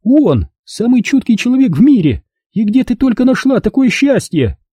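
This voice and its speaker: A man voicing a sharp-tongued, indignant middle-aged mother, scolding in a raised voice. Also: high-pitched, very animated, fairly quick, slightly rough, no echo, voice pushed up, exaggerated voice.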